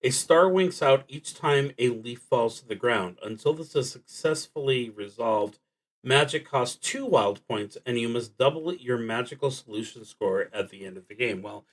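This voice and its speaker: Here a man with a mid-range voice streams a solo roleplaying game. He reads the cards aloud and talks through his thinking, often pausing and trailing off as he works it out.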